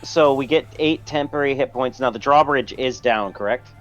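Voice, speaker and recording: Male tabletop player, inquisitive, middle pitch. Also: a little fast, faint music behind. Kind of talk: casual tabletop game chat.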